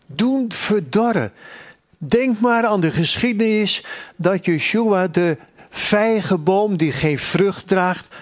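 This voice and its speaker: A male preacher delivering a sermon with a fairly high voice. He speaks slowly and deliberately, repeating phrases with earnest emphasis. The pace stays unhurried throughout.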